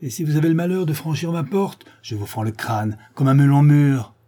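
A man's voice: on the high side, expressive, normal speed, warm tone, voice pushed up. A man voicing a bitter, furious grown daughter of a farmer in a read-aloud story, ranting and insulting.

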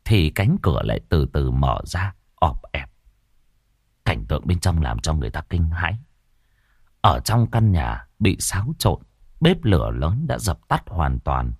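A man narrating a horror story with dramatic, lively storytelling. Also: sits low, husky, dry recording, clean studio sound.

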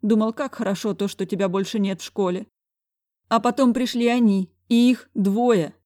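A man's voice: high-pitched, steady tone, moderate pace, darkish tone, no echo, studio quality, pitched above the performer's own voice, close to an everyday voice. A woman voicing a panicky, melodramatic older male school director who whines and exclaims in a raised, strained voice, in an audiobook reading. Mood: tearful pleading. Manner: theatrical, whining, exclamatory.

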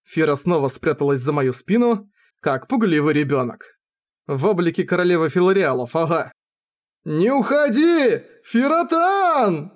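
A man's voice: a little high, lively intonation, normal speed. A man reading a novel aloud in first person, with a wry, conversational manner. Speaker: audiobook narrator.

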